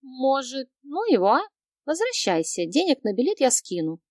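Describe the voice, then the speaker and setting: A woman's voice: medium pitch, lively intonation, brisk, a little mellow, no echo, studio quality, natural voice. A woman voicing a brash young female friend who snaps back bluntly, in an audiobook reading. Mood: coaxing. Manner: snapping, blunt.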